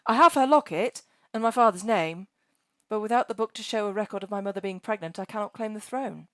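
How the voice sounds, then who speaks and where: A woman voicing a scrawny, frightened young boy who speaks in a high, earnest and nervous way. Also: a little fast, no room sound, natural voice. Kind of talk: storybook reading.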